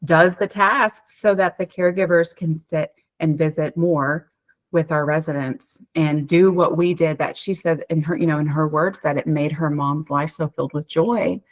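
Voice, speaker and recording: Low-voiced woman telling a heartfelt story. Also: steady tone, normal speed. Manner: emotional, warm storytelling with frequent fillers and restarts. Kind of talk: conversational interview storytelling.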